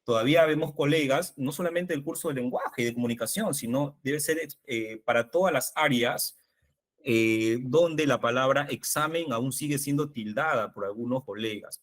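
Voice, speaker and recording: A man with a Peruvian accent teaching an online spelling workshop to fellow teachers, asking questions and confirming the answers. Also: mid-range voice. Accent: Peruvian Spanish. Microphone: video call.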